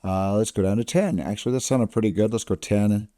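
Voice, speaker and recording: A man narrating a casual software tutorial as an editing instructor, recorded as a close voice-over. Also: on the low side, a little fast, no echo.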